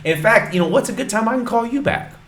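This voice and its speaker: A man's voice: high-pitched, expressive, quick pace, a bit bright, pitched above the performer's own voice. A man voicing a friendly male homeowner who chats easily on a phone call. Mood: agreeable. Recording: roomy echo.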